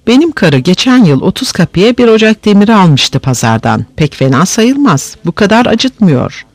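A man voicing an excitable, easily frightened village weaver in a read-aloud story, blustering and agitated. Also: sits high, normal speed, no echo, pitched above the performer's own voice, full character voice.

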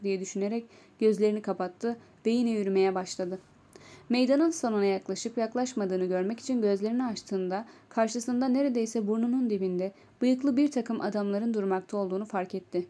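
A woman narrating an audiobook story in a calm, measured reading. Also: medium pitch.

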